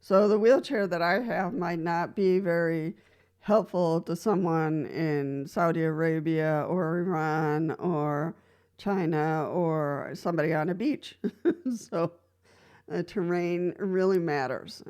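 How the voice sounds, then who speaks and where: A woman from Costa Rica who uses a wheelchair gives practical advice from her own experience in a casual explanatory vlog, talking to camera. Her voice is low-pitched and a little mellow, and she laughs lightly between points and often restarts with "so."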